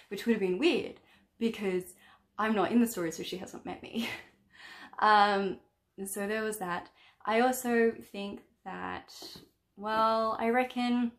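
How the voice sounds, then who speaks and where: A woman's voice: medium pitch, fairly even intonation, measured pace. A woman chatting about a book she read, rambling and often correcting herself. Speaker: book vlogger. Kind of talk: casual book review. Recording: echoey room.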